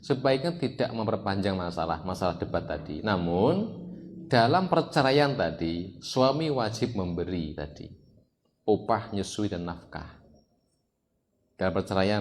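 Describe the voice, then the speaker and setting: A man's voice, fairly low-pitched, preaching a sermon with a Javanese accent. He talks in a lively way, keeps asking the congregation questions and his pitch often leaps sharply. A faint hiss can be heard behind his voice. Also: moderate pace. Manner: lively, keeps asking the audience questions, sudden high jumps. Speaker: Islamic preacher.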